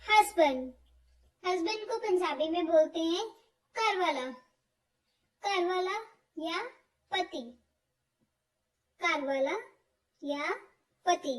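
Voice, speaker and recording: A woman teaching word lists, slowly repeating each word with stress. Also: extremely high pitch. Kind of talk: explaining vocabulary, slow and repetitive. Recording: voice from far off the mic.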